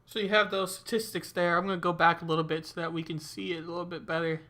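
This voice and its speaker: A man's voice: a little high, level tone, quick pace, pushed and bright. A man hosting a livestream, talking casually and rambling between clips. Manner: rambling, loose, many fillers. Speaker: show host.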